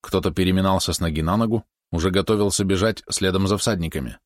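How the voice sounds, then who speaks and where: A male audiobook narrator with a low voice and a steady, even storytelling delivery. The sound is dry and close, with no room echo. He reads with scripted care. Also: fast.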